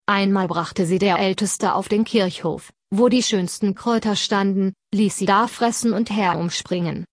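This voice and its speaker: Female narrator for a fairy tale audiobook, calm and even, recorded close and dry. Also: mid-range voice, normal speed, dry recording.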